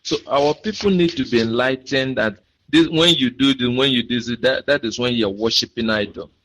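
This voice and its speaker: Man, radio caller, halting, earnest, mid-pitched voice. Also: fairly bright tone, low-quality recording. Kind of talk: phone-in call.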